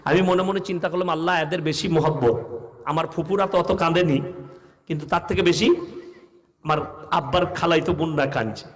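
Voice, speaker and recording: A man's voice: on the high side, brisk, long pauses. A man preaching a humorous sermon, telling stories, acting out the villagers he quotes, and firing questions at his audience. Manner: fires rhetorical questions at the audience. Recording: long hall reverb.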